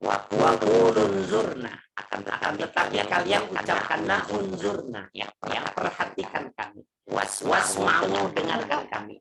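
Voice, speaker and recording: A man giving a religious lecture on verses over an online call. His voice comes through crackling, glitchy, distorted mic audio. He explains in measured phrases with many fillers. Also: medium pitch, big pitch swings, gravelly, a crowd in the background. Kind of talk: Quran commentary lecture. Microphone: microphone on an online video call.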